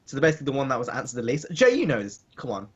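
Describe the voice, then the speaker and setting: A man co-hosting a casual chat podcast, joking and laughing, his pitch jumping into cries. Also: wildly swooping pitch, very fast, husky, dull audio. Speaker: podcast co-host.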